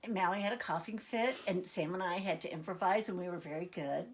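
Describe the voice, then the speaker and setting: A woman's voice: fairly low pitch, fast talker, a little hiss or hum. Teasing woman co-hosting a sewing show. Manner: teasing, jumps in with jokes. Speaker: co-host, the host's mother. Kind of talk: casual live sewing broadcast.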